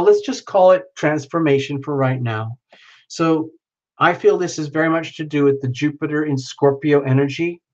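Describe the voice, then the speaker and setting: With the highs cut off, the audio captures a mid-range male voice running a casual, exuberant tarot reading on a live stream. He's losing his voice but stays chatty, speaking directly to the viewer and calling them by name.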